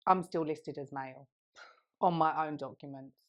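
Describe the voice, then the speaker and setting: Speaking at a normal speed in a low voice, this thirty-something podcast co-host rambles through a story during casual banter, often breaking into laughter. The recording has a lo-fi quality.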